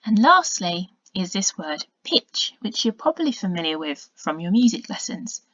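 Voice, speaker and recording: A woman's voice: mid-range voice, sing-song, normal speed, no room sound. Woman teacher, dull lo-fi recording. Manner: patient and explanatory, with quiet muttered asides while drawing. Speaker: science teacher. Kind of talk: recorded video lesson narration.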